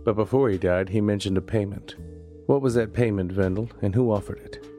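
Low-voiced man, deadpan noir detective narration, wry manner, faint music behind. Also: fairly quick. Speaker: narrator and lead private investigator.

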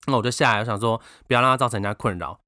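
Taiwanese-accented guy cohosting a chatty podcast, quick and animated, bright voice, dry sound. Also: mid-range voice, no room sound. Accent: Taiwanese Mandarin. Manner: animated storytelling with bursts of laughter. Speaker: podcast co-host. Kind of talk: casual chat.

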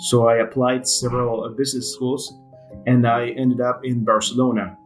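An Ecuadorian man in his thirties, appearing as a guest, gives casual interview answers in English full of fillers and restarts. His voice is medium-pitched and level at a normal speed, with soft background music on a rough recording.

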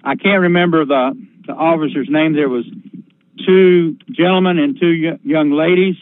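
Halting man on a tinny phone line. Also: a little high, no echo. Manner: halting, hesitant, evasive. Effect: heard over a phone line. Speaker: caller to sheriff's office.

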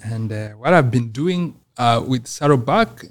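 A middle-aged man with a Rwandan accent, speaking as an interview guest in a measured way with many fillers. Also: mid-range voice, expressive. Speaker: church missions coordinator.

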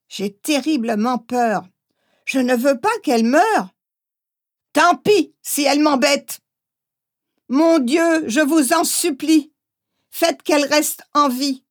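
Female memoir narrator, high voice, slow, measured first-person reading. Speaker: audiobook narrator.

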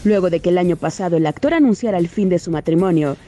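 A woman's voice: fairly low pitch, expressive, fast, warm tone, soft background music. A woman reporter reading a scripted entertainment news narration.

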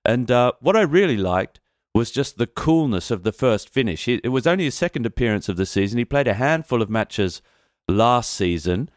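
A man's voice: medium pitch, lively intonation, moderate pace, no room sound, clean studio sound. A man giving conversational football analysis as a podcast panellist.

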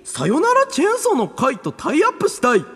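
Male radio host, high shouty put-on character voice, very animated delivery, long reverb. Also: fast talker. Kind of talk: comedic radio bit.

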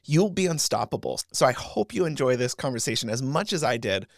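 A man's voice: medium pitch, lively intonation, brisk, no echo, studio quality. Upbeat male podcast host. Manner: upbeat, chatty, reads bio lists. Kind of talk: podcast intro and interview.

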